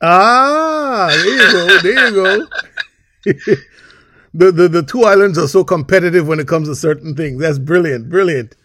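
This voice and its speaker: With a voice that sits high and a slightly slow pace, a man hosts a podcast, first reading a prepared introduction and then talking casually with a guest. He's animated and quick to laugh throughout.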